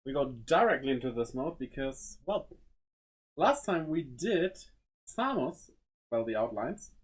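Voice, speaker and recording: An unhurried voice talking through a drawing session and mulling over each small choice aloud. The pitch swings up and down freely, and the speech stays relaxed and conversational throughout. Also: husky, rough recording. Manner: muttering to self, weighing small choices aloud; greets viewers playfully. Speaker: streamer drawing decals. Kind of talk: casual think-aloud commentary while drawing.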